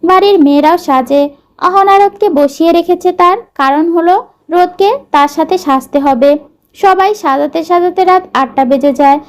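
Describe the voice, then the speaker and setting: A woman storyteller reads a romance novel aloud in a steady, plain narrating manner. Her voice is very high. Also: normal speed.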